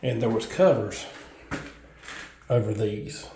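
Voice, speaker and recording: A man's voice: on the low side, slow, mellow, slight background noise. A man, a construction worker giving a casual walkthrough of a building site, blunt and profane as he tells his story.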